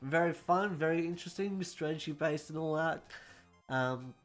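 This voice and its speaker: A man hosting a casual gaming news roundup, talking quickly and correcting himself as he goes. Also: on the high side, faint music behind.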